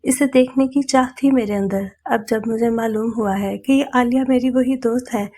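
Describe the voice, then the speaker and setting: A woman's voice: a little high, steady tone, mellow. A woman voicing a regretful young man in a storybook reading, speaking in a subdued, wistful way.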